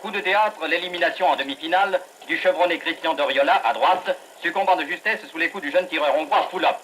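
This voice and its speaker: A man giving brisk, emphatic old newsreel commentary on an old film soundtrack. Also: on the high side, a bit bright, a little hiss or hum, poor audio. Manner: brisk, emphatic announcer delivery.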